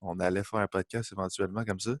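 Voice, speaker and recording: A man's voice: deep voice, flat delivery, fast talker, no echo, studio quality. A man, hosting a podcast interview in a friendly, informal way, mixing in English words. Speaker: podcast host.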